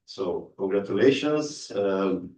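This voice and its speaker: A man acting as judge who gives friendly, hesitant feedback on a pitch, stopping and restarting often. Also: lively intonation, takes it slowly, a little mellow. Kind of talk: spoken feedback. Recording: echoey room, distant mic.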